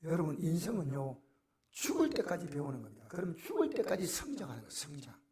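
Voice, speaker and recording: Gravelly, animated pastor. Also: male voice, a little high, quick pace. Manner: dramatic, swinging from hushed near-whispers to loud exclamations. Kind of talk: sermon.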